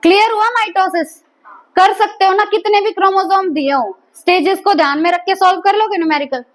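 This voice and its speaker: Woman, biology teacher, high voice, classroom lecture, asks and repeats answers. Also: brisk.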